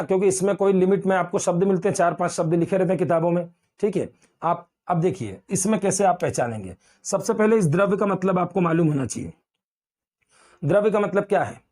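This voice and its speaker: Teacher, male, high-pitched voice, drills terms by repeating them, quizzes and answers himself. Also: a little mellow. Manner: repeats key words, asks and answers own questions. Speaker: Hindi grammar teacher. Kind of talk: classroom lecture.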